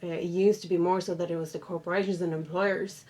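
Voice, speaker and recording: A woman in her thirties from Sweden, a native Swedish speaker with a slight Swedish accent, answering interview questions in a measured, articulate way. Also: lowish voice, steady tone, darkish tone, a little hiss or hum. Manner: articulate, measured, with some fillers. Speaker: local councillor. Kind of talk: interview guest.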